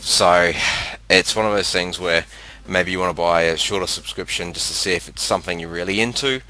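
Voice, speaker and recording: An Australian man with a very low but forceful, bright voice talks casually over a screen capture. His delivery is halting and rambling. The sound comes from a cheap, ordinary headset microphone with a slightly crackly quality. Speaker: video game presenter. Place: room with a fan running.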